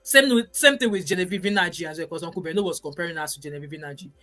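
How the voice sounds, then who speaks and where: A woman's voice: on the low side, fast, fairly bright tone, soft background music. A Nigerian woman in her forties hosting a casual live stream, reading viewer comments in an emphatic, chatty way and dropping in pidgin words. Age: 40s.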